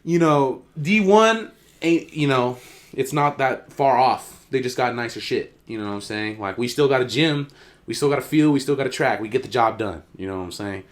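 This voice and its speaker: A young man, a college football player, co-hosting a casual podcast and telling stories in slangy talk, acting out quotes with big jumps in pitch and loudness. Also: moderate pace. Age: young adult. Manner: slangy, swears freely.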